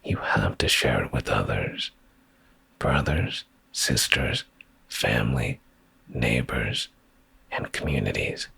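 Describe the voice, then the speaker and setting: A man reads a bedtime story softly for ASMR, right at the mic, his deep, gravelly, breathy voice often lapsing into a whisper. Animated but drowsy and soothing, he goes slowly and pauses often, with no echo.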